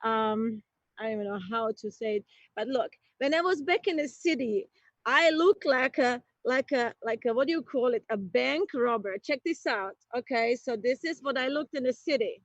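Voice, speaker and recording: A Croatian stand-up comedian performs a playful set in a high, bright voice, speaking slowly and deliberately before bursting into excitement. The recording is dry and slightly dull with no echo, like a home streaming mic.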